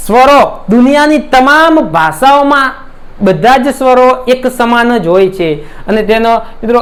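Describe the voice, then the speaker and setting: A man with a Gujarati accent teaching an English grammar lesson, patiently explaining with examples and often asking "right?". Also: very high-pitched. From India. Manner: keeps asking "right?" to check understanding; addresses students as friends, explains patiently with examples.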